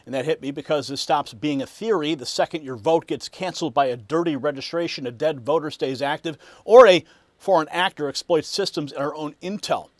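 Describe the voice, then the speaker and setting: Higher-pitched man delivering alarmist political commentary. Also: a little fast, dry recording. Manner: emphatic, alarmist. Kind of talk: scripted political commentary narration.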